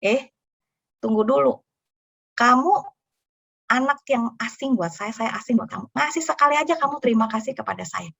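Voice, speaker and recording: A woman's voice: on the high side, moderate pace, creaky, pauses often, a bit bright, breathy edge, pitched above the performer's own voice, full character voice. A woman voicing a street noodle vendor who firmly lectures a runaway child, in a raised, insistent voice. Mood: firm, lecturing. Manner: insistent, lecturing, listing things with emphasis. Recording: dull lo-fi recording.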